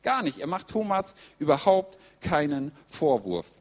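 A man preaching a sermon in a lively storytelling way, acting out the voices of the people he quotes. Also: a little high, measured pace. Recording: long reverb in a hall.

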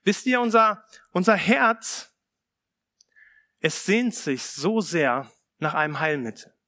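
A man preaching in an unhurried, measured sermon voice that stays high for a man. His tone is bright and clear. He moves from a solemn Bible reading into relaxed, chatty explanation. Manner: calm, measured preaching with casual asides.

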